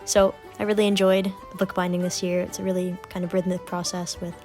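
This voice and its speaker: A young woman with a Bermudian accent, chatting casually as a knitting vlogger, relaxed and full of little ums. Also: lowish voice, brisk, soft background music. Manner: relaxed, many ums, softly spoken at times.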